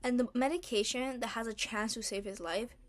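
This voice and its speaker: Chatty young woman with a higher voice. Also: brisk. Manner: informal, chatty, slangy. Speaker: artist narrating own original characters. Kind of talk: casual voice-over storytelling about drawings.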